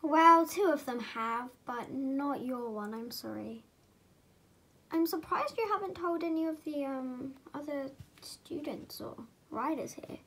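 A woman voicing a kind, patient stable owner in a toy horse movie, calm and a little hesitant. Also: high voice, measured pace.

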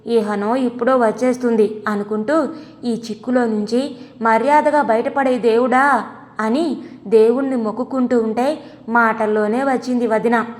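A woman reading a comic audio story aloud in the first person, expressive and scripted. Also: on the high side, big-room sound. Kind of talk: scripted comedy story narration.

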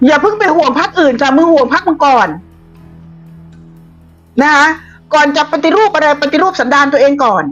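A woman's voice: high-pitched, expressive, brisk, long pauses, fairly bright tone. A woman giving a blunt, combative political commentary monologue, scolding her opponents. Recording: dull lo-fi audio with faint music.

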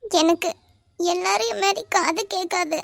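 Teenage schoolgirl, very high squeaky voice, gravelly, timid and pleading, Kanyakumari Tamil accent, cartoon. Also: fairly bright tone, no room sound, clean studio sound, heavily acted. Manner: hesitant, pleading, quick to tears. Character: shy poor teenage schoolgirl, hard of hearing. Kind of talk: animated cartoon dialogue.

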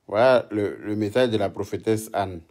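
A man's voice: on the low side, moderate pace, darkish tone. A man doing casual live-stream commentary, teasing and chatty, often breaking into laughter. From Ivory Coast.

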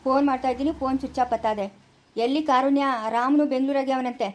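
Fast demanding threatening woman. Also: sits high, fairly even intonation. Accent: Chikkaballapura Kannada. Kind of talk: family drama acting.

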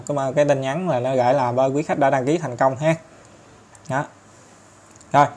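A man with a Southern Vietnamese accent talking viewers through an app tutorial step by step, chatty and filling pauses often. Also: mid-range voice, a little mellow. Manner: chatty, step-by-step, many fillers and tag particles. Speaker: tutorial host. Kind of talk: screen-recorded app tutorial.

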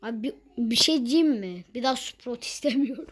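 A young woman with a fairly high voice chats over her gameplay. She is quick to get exasperated at teammates and drops teasing jokes. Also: expressive, breathy edge. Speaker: gaming youtuber. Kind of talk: casual gameplay commentary.

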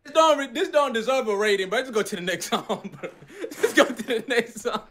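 Animated, high-pitched young man, bright voice. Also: fairly quick, slight background noise. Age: young adult. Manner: animated, profane, slangy. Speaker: guest reactor to amateur rap songs. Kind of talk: casual, rowdy reaction chat. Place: indoor room, video call.

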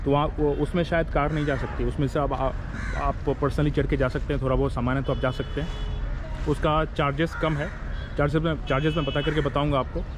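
A travel vlogger in his forties walks through a ferry trip step by step, slipping in English phrases as he talks casually at an outdoor ferry terminal and car deck. His voice sits on the high side, a little fast with little pitch movement. He holds the camera at arm's length, and the background is noisy.

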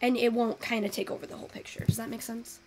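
A young woman chatting casually through a photo-editing tutorial, thinking out loud and swearing now and then. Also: a little high, little pitch movement, fast. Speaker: virtual photography streamer.

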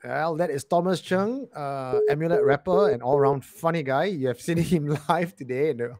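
A man's voice: a little high, normal speed, a little mellow. A male host of a live talk stream, easygoing and chuckling often as he talks with a guest. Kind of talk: casual chat on a live stream.

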